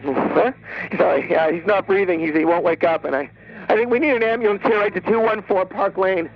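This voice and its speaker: A man plays a panicky, rambling caller in a comedy audio drama, his voice pitched a little high and wandering off track in nervous, apologetic bursts. The sound is slightly muffled, with a faint hiss underneath. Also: a little fast. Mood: panicked. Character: flustered rambling man reporting his dead brother.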